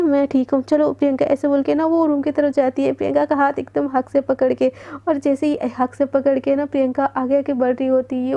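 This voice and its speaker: A woman storyteller narrating a love story in a casual, animated way, slipping English words into her talk. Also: high-pitched. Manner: animated, mixing English into Hindi.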